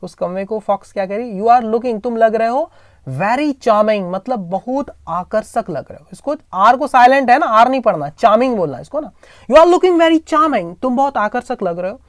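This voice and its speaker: A woman teaches English grammar, going over each point patiently and again. Her voice sits on the higher side. The sound is dry and close, with no room around it. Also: lively intonation, normal speed, dry recording. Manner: patient, repetitive explaining with frequent tag questions. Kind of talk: explaining English grammar in Hindi.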